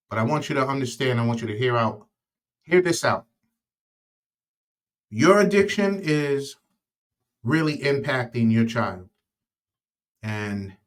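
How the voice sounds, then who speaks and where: A man talks straight to parents in a casual recovery monologue, at an ordinary middle pitch. He is earnest and halting, full of fillers and restarts. He gets louder on the words he wants to land. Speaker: recovery talk host.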